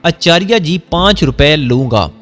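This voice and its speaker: A man's voice: on the high side, expressive, measured pace, fairly bright tone. A man voicing an easygoing carriage driver. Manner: friendly, easygoing. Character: Mumbai horse-carriage driver, middle-aged man.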